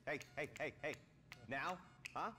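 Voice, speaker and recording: A man's voice: on the high side, measured pace, noisy background, natural voice. A man playing a pushy, smug government interrogator in a game, impatient and badgering.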